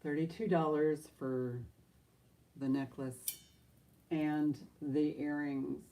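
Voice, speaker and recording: Gravelly, low-voiced woman auctioneer. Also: level tone, takes it slowly, mellow. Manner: chatty, enthusiastic, talks to herself while handling items. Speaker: live auction host.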